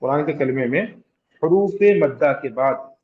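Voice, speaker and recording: A man teaching Quranic recitation rules in a slow classroom lecture with a Hyderabadi Urdu accent, repeating terms, asking the class questions and drawing out vowels to show their length. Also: mid-range voice, narrow, tinny audio. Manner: draws out vowels to demonstrate elongation. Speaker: tajweed teacher.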